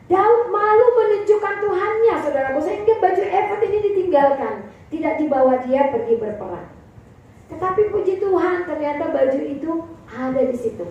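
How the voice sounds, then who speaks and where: A woman's voice: very high-pitched, lively intonation, normal speed, a little mellow. A woman pastor preaching a sermon, repeatedly addressing the congregation as "my brothers and sisters" and recounting a pastoral story. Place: church sanctuary. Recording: far-off echoey church hall, dull sound.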